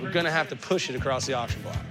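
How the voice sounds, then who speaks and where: A man's voice: mid-range voice, rapid-fire, over music. A man hosting a reality show, narrating with brash, joking wryness.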